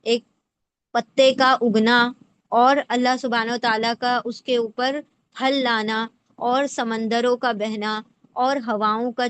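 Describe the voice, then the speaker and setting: A woman's voice: on the high side, fairly bright tone, clean tone, no echo. A woman teaching the Quran word by word in a patient lesson, breaking words into parts and often checking in with the listener. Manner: checks in often with rhetorical questions. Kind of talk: explanatory lesson.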